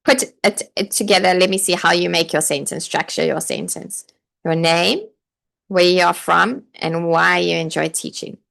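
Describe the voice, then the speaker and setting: Her voice is lowish, creaky and fairly bright, with a steady tone at normal speed. In a live-streamed training for aspiring online teachers, this woman chats encouragingly, reads viewer comments aloud, and often says "like" and "okay."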